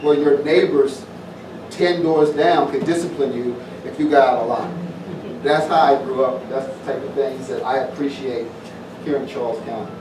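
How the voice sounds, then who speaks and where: At a noisy evening community gathering, the ex-pro football player from southwest Virginia talks at a normal speed in a medium pitch with fairly even intonation. The middle-aged man announces a festival plainly and informally, repeating phrases, captured by a distant mic in a roomy space.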